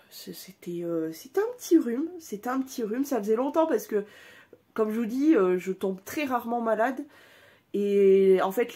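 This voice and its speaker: A woman's voice: mid-range voice, mellow. A woman vlogger chatting casually at home, informal and chatty, with the odd casual swear word. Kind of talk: casual vlog chat.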